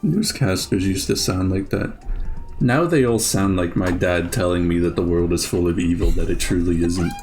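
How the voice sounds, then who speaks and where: A man's voice: low voice, normal speed, a little mellow, faint music behind. A man co-hosting a casual gameplay commentary, joking, swearing freely, laughing often and breaking into mock outrage. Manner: mock outrage and silly voices while reacting. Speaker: co-host of a let's play series.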